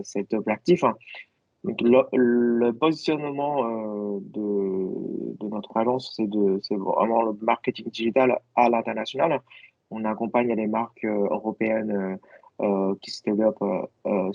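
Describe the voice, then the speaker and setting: Man with a gravelly, lo-fi video call voice. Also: lowish voice, no echo. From China. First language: Chinese. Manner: hesitant, many fillers. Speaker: guest speaker, agency founder. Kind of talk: webinar presentation. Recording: dull lo-fi video call audio.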